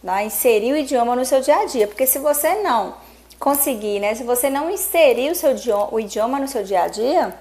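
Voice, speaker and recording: A woman giving a casual online English lesson, chatting and spelling out English examples slowly and with emphasis. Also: fairly high pitch, animated, darkish tone. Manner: chatty, frequent tag questions, slow emphatic English examples. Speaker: English teacher.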